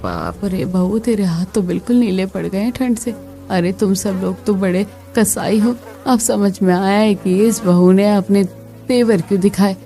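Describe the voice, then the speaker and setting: A woman's voice: medium pitch, animated, moderate pace, warm tone, soft background music, natural voice. A woman voicing a preachy, disapproving older aunt-in-law visiting the family in a skit. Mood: lecturing.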